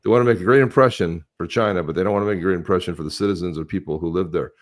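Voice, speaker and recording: Blunt, crude podcast host, man, very low voice, rambling casual chat. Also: racing. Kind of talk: casual chat, reacting to clips.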